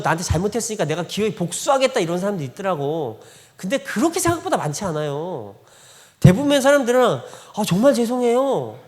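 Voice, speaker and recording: A man with a high, very animated voice preaches a Sunday sermon, swooping up and down as he tells stories casually and plays out the dialogue. His voice rings through a church hall with a long reverb tail. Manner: conversational storytelling, acting out quoted dialogue, frequent laughter. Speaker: pastor. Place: church sanctuary.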